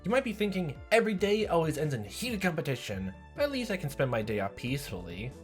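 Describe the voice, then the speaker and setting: A man's voice: fairly high pitch, big pitch swings, quick pace, soft background music, voice pushed up. A man voicing a boisterous teenage girl who leads a game club and bosses her friends around. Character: bossy, loud teenage girl club leader.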